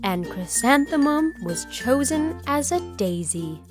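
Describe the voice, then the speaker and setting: A woman narrating a children's storybook aloud with deliberate, dramatic emphasis. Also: high voice, very animated, music in the background. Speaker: storybook reader.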